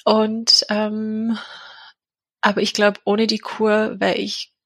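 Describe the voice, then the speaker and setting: A woman's voice: medium pitch, completely flat delivery, takes it slowly, fairly bright tone, no echo. A woman in her thirties from England with an English accent, speaking German in a hesitant personal testimony, full of fillers and restarts. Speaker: mother of a child with a heart defect.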